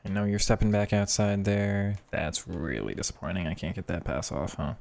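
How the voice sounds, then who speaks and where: A young gaming streamer with a very deep, hoarse, darkish voice gives loose, casual commentary over a football video game. He thinks aloud about tactics and mutters quick reactions to every pass and touch.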